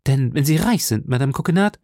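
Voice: medium pitch, expressive, fairly quick, a little mellow, no room sound, studio quality, pitched above the performer's own voice. A reader voicing a vain, boastful male musketeer who speaks pompously and pities himself in an audiobook. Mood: affronted. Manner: pompous, self-pitying. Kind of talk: audiobook character reading.

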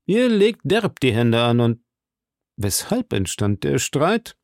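A man reading as a stern, gravelly cardinal. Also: medium pitch, very animated, darkish tone, no room sound, studio quality. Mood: probing. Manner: measured, slow, probing. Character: stern, silky older male cardinal of high rank. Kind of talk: audiobook reading.

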